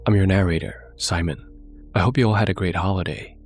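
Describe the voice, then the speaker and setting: A man with a low, gravelly voice narrates a scripted horror story as the host of his own show, congested from a cold. His delivery is measured and suspenseful, he addresses his viewers directly, and soft music plays underneath.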